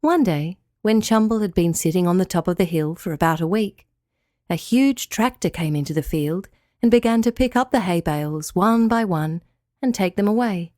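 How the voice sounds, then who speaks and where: A woman narrating a children's audio story in an expressive, storytelling way. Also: fairly low pitch, moderate pace, no echo, studio quality.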